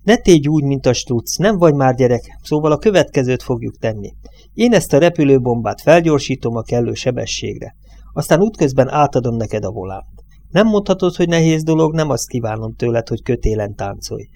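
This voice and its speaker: A man reads a domineering driver who bullies his partner, coarse and impatient. His tone is dark and mellow, but the demands come out clipped and insistent, as in a spoken novel. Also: medium pitch, expressive. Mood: bossy. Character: hard, bullying male truck driver.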